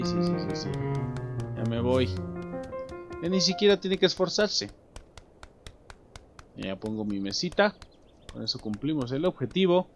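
Animated Mexican gamer talking over play. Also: male voice, medium pitch. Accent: Mexican Spanish. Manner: animated, jokey, talks to himself and viewers while playing. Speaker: gameplay commentator. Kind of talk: let's play commentary. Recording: background game music.

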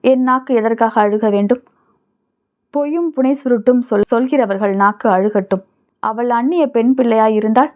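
A woman's voice: fairly high pitch, close to an everyday voice. A woman voicing an angry, jealous young village woman who scolds sharply, on tinny phone-like audio.

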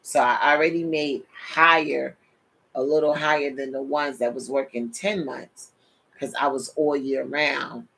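Over a webcam from her home office, where she sits in a desk chair, a middle-aged woman from New York preaches a testimony in sermon style, talking to "people" with animated hand gestures. She hosts a show, and her New York accent carries Caribbean touches. Her extremely low, unhurried voice is gravelly and slightly rough on a rough recording.

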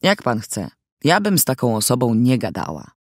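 A man voicing a grim, hulking middle-aged housekeeper woman who talks in a gruff, sullen, scornful way in an audiobook. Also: mid-range voice, wildly swooping pitch, moderate pace, no room sound, clean studio sound. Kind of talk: audiobook character voice.

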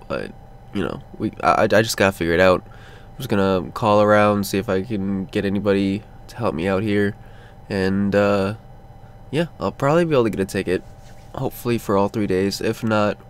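Sleepy male vlogger, rambling and drowsy, lower voice, faint background noise. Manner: drowsy and rambling, lots of ums and sighs. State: sleepy, just woke up. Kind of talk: casual update vlog. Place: cold room at home, under a blanket.

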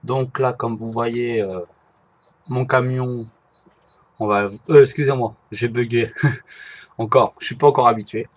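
A man giving casual, halting commentary while driving in a game, often stopping to correct himself. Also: medium pitch, fairly even intonation. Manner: hesitant, halting, often restarts and apologizes. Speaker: gameplay video maker.

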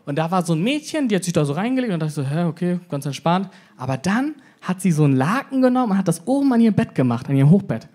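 A man's voice: sits high, sing-song, rapid-fire, hardly any pauses, warm tone. A man in his twenties doing a stand-up set on a club stage, brash and slangy, acting out the voices he quotes. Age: 20s. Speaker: stand-up comedian. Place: comedy club stage with live audience.

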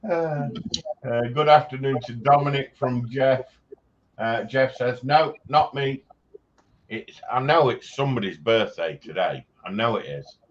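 A man's voice: medium pitch, expressive, unhurried. A man hosting a livestream, casually reading out viewer comments and joking with chat. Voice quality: chatty and jokey, laughs often. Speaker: livestream host. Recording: slightly dull sound with faint background noise.

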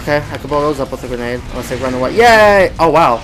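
A man giving casual let's-play commentary on a shooter game, excitable and self-mocking, talking to the game and repeating words in bursts. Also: a little high, fast, over music, poor audio. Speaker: gamer playing a shooter game.

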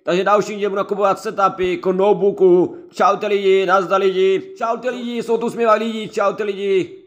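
Male gaming commentator, high voice, slightly stuffy from a cold, rambling casual talk aimed at viewers. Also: fairly bright tone. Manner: chatty, repetitive, keeps addressing viewers. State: has a head cold. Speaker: gaming let's-play creator.

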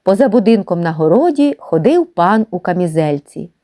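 A woman narrating a classic short story aloud with an expressive storytelling delivery. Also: fairly low pitch, normal speed.

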